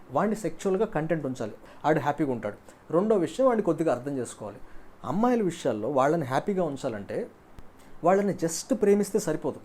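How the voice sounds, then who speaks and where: A man giving casual relationship advice, animated and storytelling, acting out the people he quotes. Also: on the high side.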